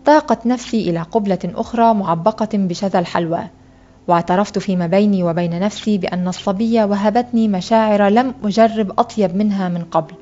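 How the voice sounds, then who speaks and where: A woman reading a literary short story aloud in a measured, expressive way, in a dull lo-fi recording. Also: mid-range voice. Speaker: audiobook reader.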